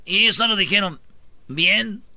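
A man's voice: sits high, lively intonation, moderate pace, heavy background noise. A man with a Mexican accent, host of a casual countdown show, telling stories with jokes and slang. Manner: joking, slangy storytelling.

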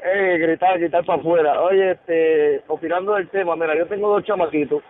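A man's voice: on the high side, steady tone, moderate pace, raised voice. Truck-driving man on a distant phone line. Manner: easygoing, rambling with fillers. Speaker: caller, truck driver. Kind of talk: casual call-in chat.

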